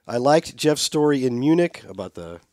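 A man's voice: mid-range voice, sing-song, moderate pace, darkish tone, no room sound, clean studio sound. A man co-hosting a podcast, chatting casually about football and reading listener emails aloud. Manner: conversational, reads listener letters aloud. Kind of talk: casual sports chat.

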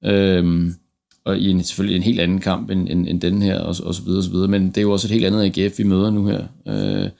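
Male football podcast host, very deep with vocal fry, tentative and conversational. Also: mellow. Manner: tentative, circles around his points. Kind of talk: casual football discussion.

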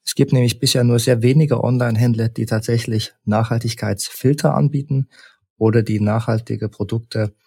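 Husky, gravelly man explaining research. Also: mid-range voice, fairly even intonation, dark tone. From Leipzig, Germany. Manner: measured, structured, lists points in order. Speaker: researcher and lecturer, podcast guest. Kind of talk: explanatory interview talk.

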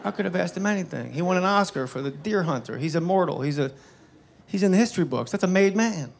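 A man doing stand-up comedy, telling a story in an animated, incredulous way with swearing, recorded live with noise behind him. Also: sits high, quick pace, vocal fry.

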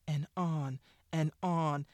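Speaking slowly in a low, darkish voice with fairly even intonation, a woman shares a faith-based story about her marriage. She keeps it conversational and sometimes acts out what other people said. The studio recording is clean, with no echo.

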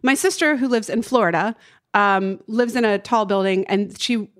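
A woman co-hosting a podcast, chatting casually and telling expressive stories. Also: medium pitch, normal speed. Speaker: podcast co-host. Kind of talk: casual chat.

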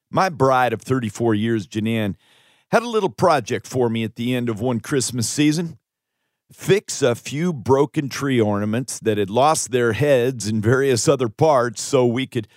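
An American pastor and author in his fifties narrates his own audiobook into a close studio microphone. His medium-pitched voice sounds studio quality with no echo, and his delivery is earnest, emphatic, and preacherly.

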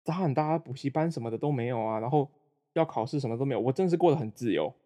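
This young man from Malaysia talks very fast in an expressive, mellow, mid-range voice. As a guest on a remote call and a former roommate, he chats casually and rambles, restarting frequently and joking at his own expense.

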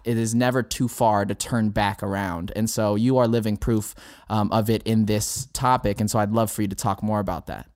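A man's voice: medium pitch, no room sound, clean studio sound. A man hosting a podcast, asking long, earnest, winding questions. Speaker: podcast host. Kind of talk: casual interview talk.

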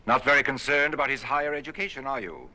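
An actor playing a scheming, pompous stowaway in a 1960s TV drama, with a theatrical, oily and flowery way of talking. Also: male voice, medium pitch, lively intonation, fast, sharp tone. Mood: haughty. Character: scheming, pompous older male space stowaway.

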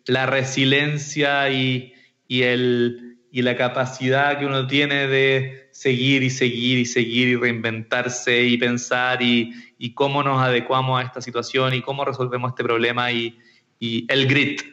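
Man from chile, entrepreneur guest, hesitant, lots of fillers, medium pitch, slightly muffled remote audio. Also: bright, forceful tone. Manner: hesitant, many fillers and repeated words. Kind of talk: casual interview answers.

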